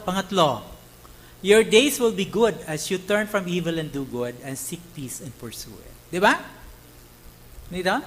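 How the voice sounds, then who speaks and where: Lively Filipino pastor preaching. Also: male voice, a little high, a little hiss or hum, low-quality recording. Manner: animated, mixes English, tag questions, acts out quotes. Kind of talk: Tagalog sermon.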